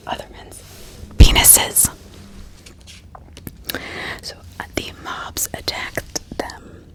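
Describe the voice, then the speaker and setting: Here an ASMR host, a woman, narrates true crime in a breathy whisper, frequently pausing mid-sentence and adding small comments to the listener. Her voice sounds pushed and bright.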